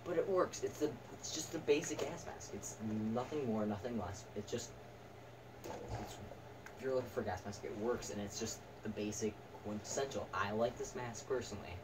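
In this noisy recording, a fairly low-voiced young man in his teens or early adulthood reviews a product off the cuff. He speaks in short, halting fragments in a small attic room, and the camera capturing his voice sits a few metres away.

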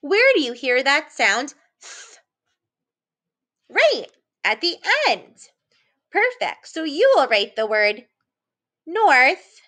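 A woman teaching an early-reading lesson to young children, slow and encouraging, with playful excited gasps. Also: high voice.

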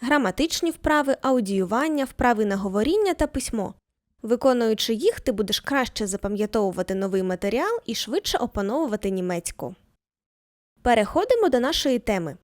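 High, lively woman teaching German. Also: dry recording, studio quality. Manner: reads German examples slowly twice, then translates. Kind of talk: scripted language lesson.

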